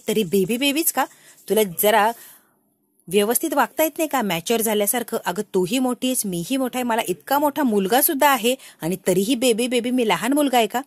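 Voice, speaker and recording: A woman's voice: on the high side, no room sound, lightly acted. A woman voicing an irritated young husband who scolds his wife and demands respect. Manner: scolding, exasperated.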